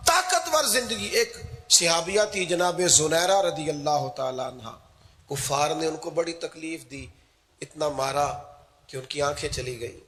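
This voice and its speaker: A man preaching an emotional sermon, moving between soft storytelling and loud, fervent climaxes. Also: a little high.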